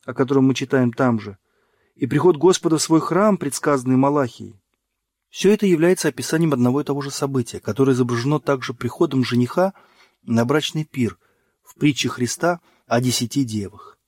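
A man narrating a religious book in a measured, solemn reading. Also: medium pitch, a little mellow, no room sound, studio quality. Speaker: audiobook narrator.

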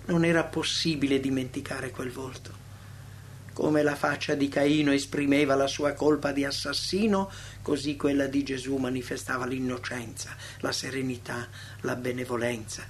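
A man reading a devotional text aloud as a narrator, solemn, with dramatic swells and hushed drops. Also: medium pitch, a little hiss or hum.

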